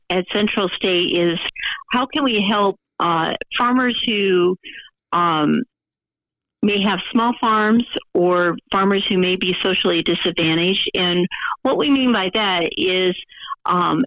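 A woman's voice: medium pitch, fairly bright tone, dry recording, low-quality recording. Woman talking over the phone, dry. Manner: measured, with frequent pauses and "um" fillers. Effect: heard over the phone. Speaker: program leader, interview guest. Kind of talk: interview answers.

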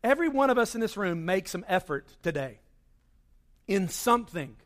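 A man with a high-pitched voice preaching a sermon. He talks conversationally and acts out the inner voices of his listeners. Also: sing-song, normal speed, fairly bright tone. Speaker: pastor.

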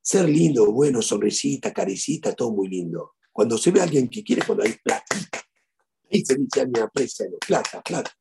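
A man's voice: medium pitch, very animated, moderate pace, gravelly, background noise. A middle-aged man with an Argentine Spanish accent, a rabbi giving a eulogy sermon and telling stories with animation, repeating key phrases.

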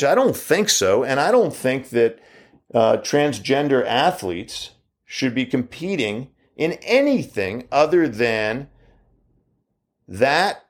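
Man, 50s, opinion monologue. Argumentative, hammers rhetorical questions, voice leaps up on each challenge. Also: mid-range voice.

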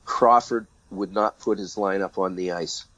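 A man's voice: low-pitched, steady tone, measured pace, a bit bright, dry recording, low-quality recording. An older man, a retired hockey referee, telling a story as a guest in an interview and acting out the exchanges.

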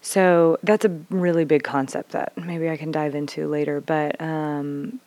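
A woman talking as a parent in a casual, reflective way, earnest and thoughtful, often pausing on "like" and "um". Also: sits low, steady tone, dark tone, dry recording. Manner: earnest, thoughtful, speaks with 'like' and 'um'. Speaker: parent sharing experience.

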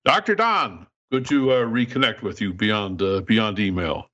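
An older man with a low voice hosts a podcast in a wry, conversational style. His wording is florid and tongue-in-cheek, and the recording is slightly dull and lo-fi. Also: a little slow, bright, forceful tone. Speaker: podcast host.

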